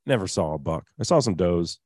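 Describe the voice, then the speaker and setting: A man with a deep, dark, husky voice and a drawl hosts an outdoor radio show, talking a little fast in a relaxed, chatty way. He slides easily between live ad reads and casual conversation, and the recording sounds close and dry.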